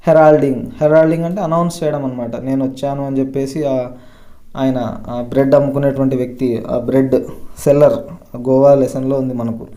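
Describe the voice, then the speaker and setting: A man teaches English vocabulary at a steady pace. His voice is mellow and dark at a middle pitch, and he stresses each new word before he explains it. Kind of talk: vocabulary lesson explained in Telugu.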